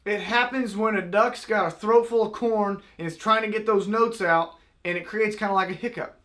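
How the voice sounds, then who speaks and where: A man with a notably high voice teaches hunting calls in a casual tutorial style. He is plain-spoken and folksy, walking through technique step by step like an everyday instructor. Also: normal speed, a bit bright. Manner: folksy, plain-spoken, demonstrates with spoken sound syllables. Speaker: duck call maker and instructor.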